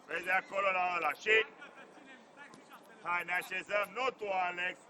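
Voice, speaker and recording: High-voiced coach yelling orders at his players outside, lots of noise behind. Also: steady tone. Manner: urgent, commanding, calls players by name. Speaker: football coach. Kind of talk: shouted touchline instructions. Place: outdoor amateur football pitch.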